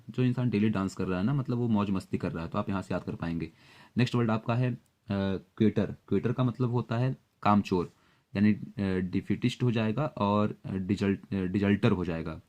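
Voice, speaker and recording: A man teaching exam vocabulary, explaining words and memory tricks at a steady pace with frequent fillers. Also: on the low side, brisk. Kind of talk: Hindi-English vocabulary lesson with memory tricks.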